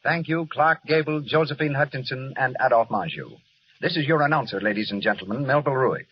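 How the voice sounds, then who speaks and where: A man's voice: medium pitch, lively intonation, brisk. A man announcing on an old radio broadcast in a formal 1930s style, reading credits and sponsor messages. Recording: dull old radio broadcast, faint hiss.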